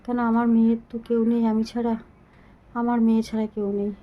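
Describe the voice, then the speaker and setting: A middle-aged woman talking slowly and haltingly to her viewers into a phone camera, weak and short of breath. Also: fairly high pitch, little pitch movement, highs cut off. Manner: slow, halting, pleading. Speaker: vlogger. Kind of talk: casual talk to viewers.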